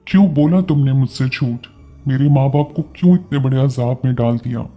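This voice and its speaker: A young wife held captive in a palace, anguished and demanding answers, as a man reads her lines. The voice is very dark and mellow, with a Pakistani Urdu accent and faint music behind. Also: mid-range voice, fairly quick, natural voice.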